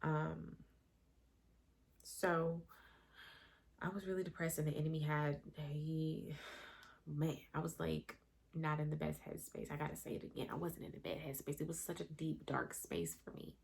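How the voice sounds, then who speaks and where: A woman's voice: deep voice, steady tone, moderate pace, gravelly. A woman in her thirties telling a candid, emotional personal story in a conversational vlog. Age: 30s. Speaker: vlogger.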